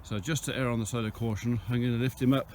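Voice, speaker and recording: A man's voice: steady tone, fast talker, darkish tone. A man talks casually and plainly in a handheld phone video outdoors, thinking aloud as he explains what he is doing. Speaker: farmer and video host. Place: outdoors on farmland. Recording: noisy outdoor phone video, engine and vehicle rumble.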